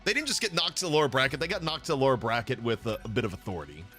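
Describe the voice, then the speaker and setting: A man co-casting an esports stream in casual chat, joking and telling animated stories. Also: mid-range voice, racing, faint music behind.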